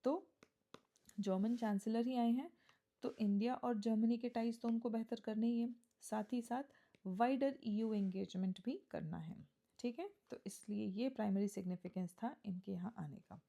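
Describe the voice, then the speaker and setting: A woman teaching an editorial reading lesson. She reads the English lines slowly, then explains them in Hindi, and checks in with students as she goes. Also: a little high, gravelly, mellow. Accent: Indian English. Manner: asks students questions and checks with "है ना?".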